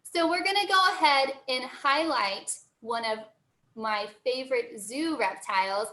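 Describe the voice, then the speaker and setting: Cheery high-voiced American woman zoo educator. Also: a little slow, a bit bright. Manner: cheery, encouraging zookeeper manner. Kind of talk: live online lesson for children. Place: indoor room, online video call. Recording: roomy, echoing sound.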